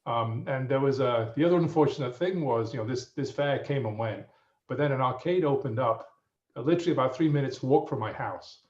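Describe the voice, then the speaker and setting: A man in his fifties with an English accent, a guest telling his story in a relaxed, rambling way with lots of fillers, heard over muffled remote audio. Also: mid-range voice, brisk. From England. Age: 50s. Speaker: guest professor. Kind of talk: casual storytelling. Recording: muffled, roomy audio from a distance.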